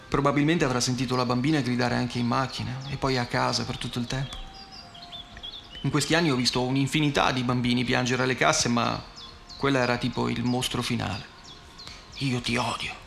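A man in his thirties narrating a first-person story in a gentle, conversational, wry way. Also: mid-range voice, gravelly.

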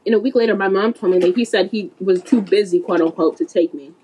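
A woman's voice: medium pitch, dark tone, slightly rough. A teenage girl chatting casually with friends on a podcast, blunt and ranty. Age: teens. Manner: ranting, quick and blunt. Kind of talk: casual chat among friends.

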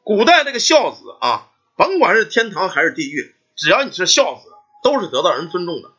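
A man telling a ghost folk tale in a lively, chatty style full of asides. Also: sits high, a little fast, slightly rough. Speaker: storyteller. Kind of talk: oral folk storytelling. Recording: dull lo-fi recording.

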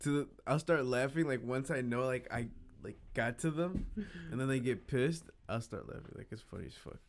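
A male podcast host who chats casually, answering in short teasing replies and often a low mumble. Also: normal speed, slight background noise. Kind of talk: casual chat.

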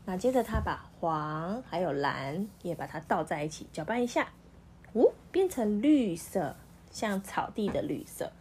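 A woman reading a picture book aloud to her child at home, pausing to ask the child questions as the story goes. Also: on the low side, slightly rough. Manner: lively, questioning the child as she reads.

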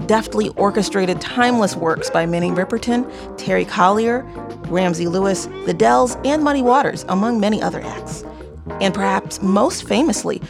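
A woman's voice: mid-range voice, vocal fry. Podcast host woman over music. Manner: emotional, near tears, warm and enthusiastic. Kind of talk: narration then live onstage conversation. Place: front porch event with audience.

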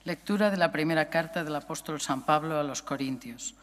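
A man reading an epistle at Mass as lector, formal and deliberate. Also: a little high, fairly bright tone. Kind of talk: liturgical scripture reading. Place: large church. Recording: long church reverb.

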